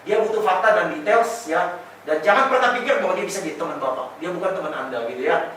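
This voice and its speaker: A high-voiced man talks fast and animatedly as a sales trainer, coaching the listener and calling him sir at every turn. His voice rings through a very echoey room, caught from a distance by the mic. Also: a bit bright, slight background noise. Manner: mixes in English sales terms. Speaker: real estate sales trainer. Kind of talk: coaching talk in an interview.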